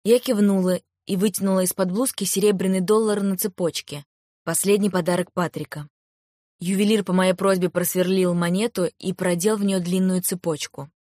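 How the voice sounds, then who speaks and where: A woman reading a first-person novel aloud in a calm, even storytelling manner, close to a studio microphone. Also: fairly low pitch, normal speed, dry recording. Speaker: audiobook narrator. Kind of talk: first-person audiobook narration.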